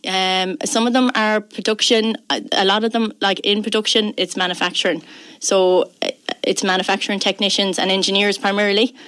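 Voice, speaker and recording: A woman's voice: mid-range voice, flat delivery, a little fast, fairly bright tone, smooth, no room sound. A woman with a west of Ireland accent, chatting informally and emphatically as a guest in a radio interview.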